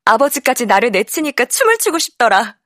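A woman voicing a tipsy, dazed older sister, a pianist, in a slow and dreamy audiobook monologue. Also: on the high side, big pitch swings, fairly bright tone, no echo, voice pushed up. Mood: dreamy, bitter. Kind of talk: audiobook character voice. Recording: dry studio.

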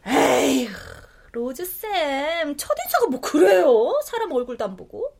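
A woman's voice: big pitch swings, unhurried, gravelly, full character voice. A woman voicing a cheeky young female lecturer who needles her rival in a voice drama. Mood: sly. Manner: teasing, needling, turns to shrill panicked shouting.

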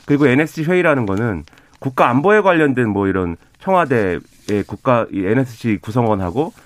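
A man's voice: medium pitch, big pitch swings, brisk, dry recording, clean studio sound. A man giving conversational commentary on current affairs radio. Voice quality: slightly hoarse.

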